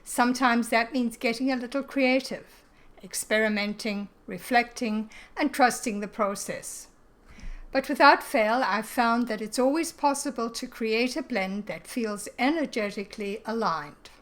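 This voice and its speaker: A woman's voice: a little high, unhurried, fairly bright tone. A woman reading a scripted introduction as channel host, sincere and evenly paced. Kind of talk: scripted narration.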